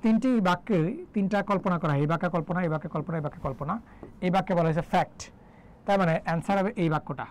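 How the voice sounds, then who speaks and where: A man's voice: sits high, quick pace, darkish tone, slight background noise, poor audio. A young man from Bangladesh teaching English grammar in a live online class, chatty and joking as he quizzes students. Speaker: English tutor.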